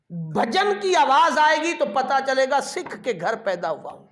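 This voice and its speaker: A man's voice: extremely high pitch, a bit bright. Man, preacher, Friday sermon, emphatic, rhetorical, repeats key lines.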